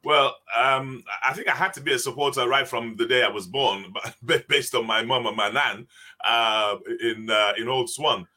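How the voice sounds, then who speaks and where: A man's voice: medium pitch, normal speed, bright, forceful tone. A man in his sixties, guest on an interview podcast, telling stories and often laughing as he talks. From England. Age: 60s. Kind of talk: casual interview.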